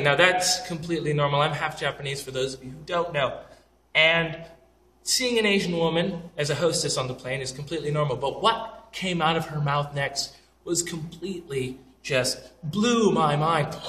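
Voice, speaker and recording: A man's voice: fairly high pitch, sharp tone, echoey room, far from the mic. A young man telling funny travel stories in a casual, joking, self-deprecating way, talking straight to camera. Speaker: vlogger.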